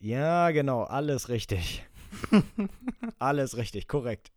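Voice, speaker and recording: Taking it slowly at a medium pitch, a podcast co-host reads quotes aloud for a quiz, lively and laughing often throughout. The casual show is captured in a dry, studio-quality recording.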